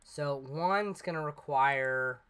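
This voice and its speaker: A fairly high, smooth and fairly bright male voice takes things slowly as the let's play host casually comments on his game. He rambles and explains each step with fillers, sounding a bit congested in his recovery from illness.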